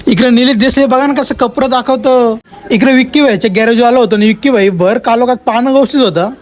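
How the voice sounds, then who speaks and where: Male vlogger, very high voice; teasing, mock-amazed comic voice-over. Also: fairly quick.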